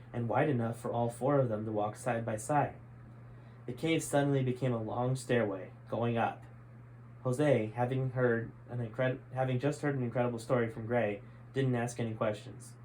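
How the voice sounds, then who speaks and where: A man hosts a reading of a chapter from his own book, narrating in an enthusiastic, dramatic storyteller style with a medium-pitched, slightly mellow voice. Noticeably noisy ambience fills the background.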